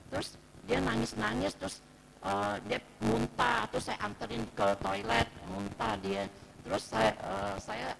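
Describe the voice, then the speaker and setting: A woman tells her testimony in a strongly gravelly, creaky voice, acting out what each person said and tagging every quote with "I said." A clear layer of background noise runs under the recording. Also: mid-range voice. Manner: retells events by quoting herself and others, repeating "I said". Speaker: speaker sharing a testimony at a morning fellowship.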